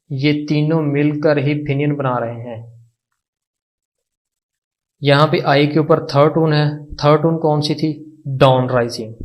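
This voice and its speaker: Pakistani guy teaching a lesson, slow and patient, keeps repeating words so u can follow. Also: fairly high pitch. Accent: Pakistani Urdu. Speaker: language teacher. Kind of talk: online language lesson.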